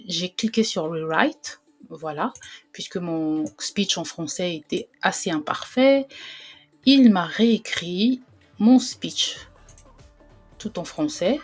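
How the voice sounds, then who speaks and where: A woman's voice: on the low side, a little mellow, husky. A woman hosting a casual screen-share tutorial, chatty and hesitant with lots of fillers and self-deprecating asides. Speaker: YouTube host demoing a website.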